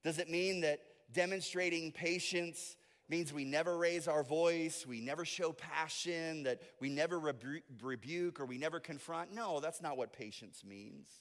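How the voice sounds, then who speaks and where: A man preaching a sermon as pastor, moving between soft, intimate asides and loud, emphatic declarations. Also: on the high side, normal speed, in a large hall.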